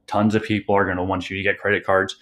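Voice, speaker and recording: A young high school teacher with a deep, fairly bright voice speaks quickly in a level tone during a recorded online lesson. He rambles, sounds a little out of breath, and fills his talk with lots of "um"s and "you guys."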